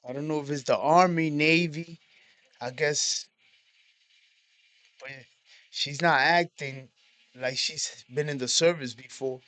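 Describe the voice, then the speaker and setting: A man's voice: a little high, steady tone, slow pace, pauses often, pushed and bright. A man hosting a reaction video, giving blunt, profane, matter-of-fact commentary.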